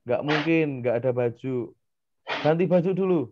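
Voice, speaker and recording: A man, a primary school teacher giving an online class to children, animated and acting out parents and kids. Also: a little high, normal speed, no room sound, highs cut off.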